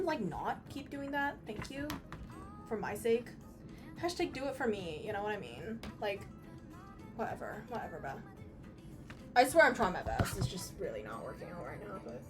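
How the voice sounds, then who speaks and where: A young adult woman chatting casually on a livestream in a sweary, slangy, muttering way, heard from far off on a laptop mic. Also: fairly high pitch. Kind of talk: casual livestream chat while crafting. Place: her room at home. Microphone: far from mic, laptop at a distance. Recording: distant laptop mic, music behind. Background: music.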